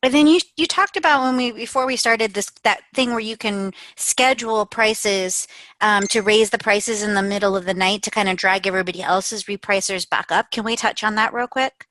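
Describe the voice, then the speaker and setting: A woman's voice: medium pitch, normal speed, fairly bright tone, no room sound, low-quality recording. A woman hosting a webinar, asking questions in a rambling, casual way with lots of restarts. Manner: rambling, many restarts and fillers. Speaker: webinar host.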